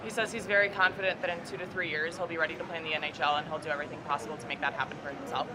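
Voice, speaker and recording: A man working as a live interpreter at a media scrum, briskly relaying a player's answers in the third person. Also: fairly high pitch, level tone, background noise. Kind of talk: live consecutive interpreting between Russian and English. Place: media scrum at a draft event.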